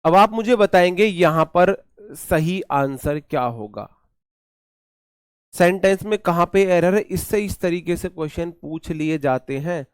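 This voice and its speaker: A man's voice: sits high, a little slow, clean tone, no echo, studio quality. A man with an Indian accent teaching an exam-prep English grammar lesson, repeating key points and quizzing his students.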